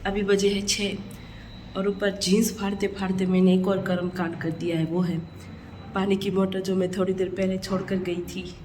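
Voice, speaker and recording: A woman's voice: mid-range voice, flat delivery, moderate pace, dark tone, a little hiss or hum. A young woman, chatting casually through a home vlog and laughing at herself. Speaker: vlogger. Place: family home, indoors and on a rooftop.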